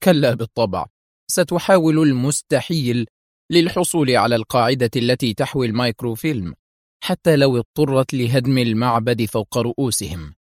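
A man's voice: mid-range voice, fairly quick, no echo, lightly acted. A man voicing a serious, wry male secret agent with a dry, sometimes mocking manner.

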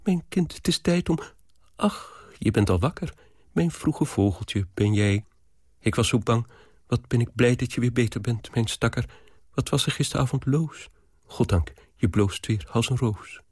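A man reading aloud and voicing an old peasant nursemaid who dotes on her young charge, with quick, fretful chatter. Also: mid-range voice, animated, a little mellow, breathy edge, dry recording, clean studio sound. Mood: doting, fussing.

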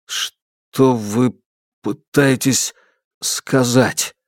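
A man reading an audiobook, voicing a shaken young man who speaks in a subdued, halting way. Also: medium pitch, lively intonation, no room sound, clean studio sound.

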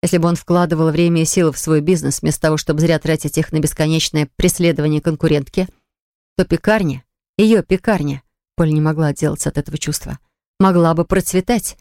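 A woman narrating an audiobook in an even, measured reading. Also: sits low, no room sound, studio quality. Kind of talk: scripted narration.

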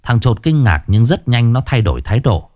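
A man narrating a ghost story with a lively storytelling delivery. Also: mid-range voice, moderate pace, no echo, clean studio sound.

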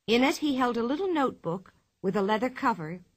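A woman reading a children's storybook aloud in a clear, expressive, measured way. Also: fairly high pitch. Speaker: narrator.

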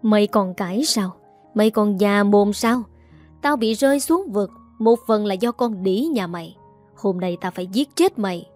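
A woman voicing a furious older mother-in-law who screams insults in a fast, harsh rant. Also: mid-range voice, mellow, soft background music, close to an everyday voice. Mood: enraged.

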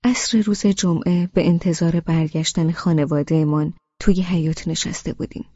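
Soft, husky woman narrating an audiobook. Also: lowish voice, fairly even intonation, no room sound. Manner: soft, hushed, breathy reading. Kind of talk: scripted first-person narration. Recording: dull, dry studio audiobook.

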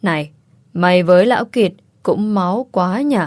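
A woman's voice: on the low side, moderate pace, a little mellow, dry recording, natural voice. A woman voicing a teasing, blunt-talking young woman in a narrated story.

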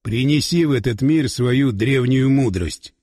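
A man voicing a fanatical sorcerer who summons a dark master in a slow, grandiose incantation, with a husky voice. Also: mid-range voice, clean studio sound, voice pushed down, lightly acted. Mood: exalted. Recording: long reverb tail.

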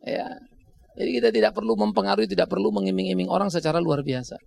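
A man's voice: sits high, animated, quick pace, gravelly, a little mellow. A middle-aged male pastor, preaching a sermon in a conversational way, often laughing at his own stories. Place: church.

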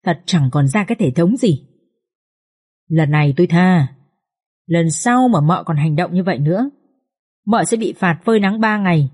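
A woman's voice: on the low side, expressive, normal speed, pauses often, darkish tone, slightly rough. Woman doing a strict elder matriarch. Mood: stern. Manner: stern, lecturing. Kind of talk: audiobook character reading.

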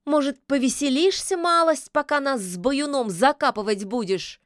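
A woman voicing a stubborn, sharp-tongued fairy-tale witch who snaps back defiantly. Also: high voice, moderate pace, no room sound, studio quality, voice pushed up, natural voice. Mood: scolding. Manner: snappy, defiant. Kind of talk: audiobook character voice.

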